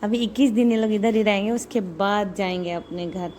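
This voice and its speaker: A woman's voice: medium pitch, fairly quick, a little mellow, slight background noise. A young woman chatting casually through a home vlog, rambling and repeating words as she talks. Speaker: vlogger.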